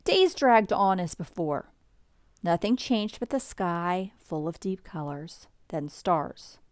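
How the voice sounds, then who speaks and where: A woman reading a children's storybook aloud at bedtime, with expressive shifts for the quoted lines. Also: on the low side, slow pace, dry recording, clean studio sound. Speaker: storybook reader.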